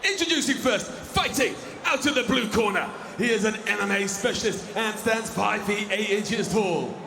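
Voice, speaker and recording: Man ring announcer, high, booming and echoey. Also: gravelly. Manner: booming projection with long drawn-out names. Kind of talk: boxing-style ring announcing, formal introductions. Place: large indoor fight arena. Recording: echoey noisy arena PA sound.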